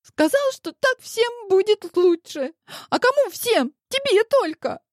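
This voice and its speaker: A woman reading an audiobook voices an upset teenage girl, shrill and crying. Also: animated, unhurried, no echo, clean studio sound. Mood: distraught. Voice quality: shrill, squealing. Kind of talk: audiobook character voice.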